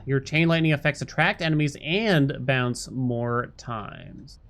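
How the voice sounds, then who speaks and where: A man with a medium-pitched, unhurried voice talks casually to viewers during a game livestream. Loud video game music plays behind him as he rambles playfully and drops into nonsense sounds.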